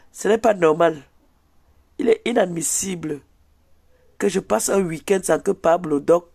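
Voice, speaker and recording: A man's voice: high voice, exaggerated voice. A man putting on the voice of a grumpy, achy old woman who groans, sighs and grumbles over and over in a live comedy monologue. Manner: groaning, sighing, repetitive grumbling.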